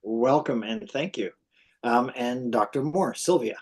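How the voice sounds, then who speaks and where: A man moderates a formal panel over a video call. His voice sits at a middle pitch, and he speaks as a host introducing guests. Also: a little slow, husky.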